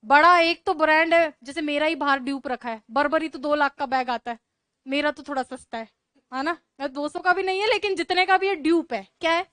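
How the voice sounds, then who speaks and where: Female teacher, high pitch, dry close sound, brisk chatty classroom lecture. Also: fairly bright tone, no room sound. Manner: brisk, chatty teaching with rhetorical questions to students. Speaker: English vocabulary teacher.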